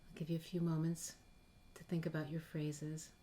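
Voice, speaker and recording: A woman leading a gentle guided meditation in a worship service, speaking softly and slowly. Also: sits low, little pitch movement, slight background noise. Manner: slow, gentle and soft-spoken. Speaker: worship leader.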